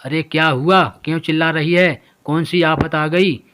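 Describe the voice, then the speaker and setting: A man's voice: a little high, steady tone, moderate pace, fairly bright tone, smooth, natural voice. A man doing a harsh, sneering stepmother. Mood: irritated. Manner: scolding, sneering. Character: harsh scornful stepmother, middle-aged woman. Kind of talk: storybook voice acting.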